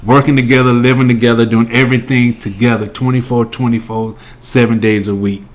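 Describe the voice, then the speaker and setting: A man's voice: medium pitch, flat delivery, fairly quick. An older man co-hosting a casual chat with his wife, rambling and restarting often. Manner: rambling, with frequent restarts and laughs. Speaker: podcast co-host. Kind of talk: casual chat between spouses.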